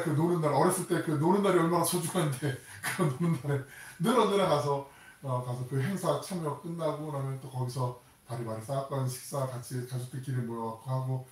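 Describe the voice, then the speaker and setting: In an echoing church hall, an older South Korean man leads Sunday worship as pastor, talking briskly with few pauses. He dramatizes prayers and taunts, pushing his pitch and force higher, while the recording catches him from a distance.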